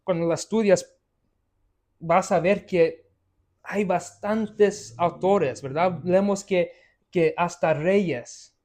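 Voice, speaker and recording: A man leads a Bible study lesson in a slightly high voice. He talks slowly and haltingly, restarting phrases and checking in with his listeners as he goes. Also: a little mellow. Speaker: Bible teacher.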